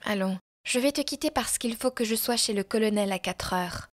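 A woman's voice: on the high side, moderate pace, no echo, studio quality, close to an everyday voice. A woman voicing an embarrassed young male army captain who speaks hesitantly and awkwardly, in a storybook reading. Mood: hurried.

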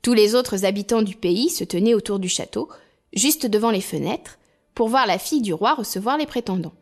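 Expressive woman reading a fairy tale. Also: medium pitch, normal speed. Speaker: storyteller.

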